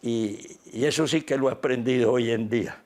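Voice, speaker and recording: A man, speaking as an interview guest in an unhurried, reflective way, pausing often. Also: mid-range voice, darkish tone. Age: 80s. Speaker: interview guest, business founder.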